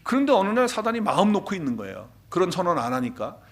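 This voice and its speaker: A man preaching a Sunday sermon as pastor, asking the congregation questions and moving between loud declarations and soft, near-whispered asides. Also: high-pitched, big pitch swings, quick pace. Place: church sanctuary.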